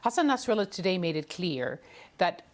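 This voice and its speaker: A woman news correspondent giving a measured broadcast report, with some hesitations. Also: on the low side, big pitch swings.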